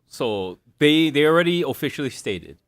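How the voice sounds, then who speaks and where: A young man talks games with friends, his pitch jumping up and down as he rants. He swears freely and laughs a lot. The sound is close and dry, with no room around him. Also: moderate pace, dry recording. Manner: animated, swearing, laughing often. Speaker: podcast co-host. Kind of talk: casual gaming chat.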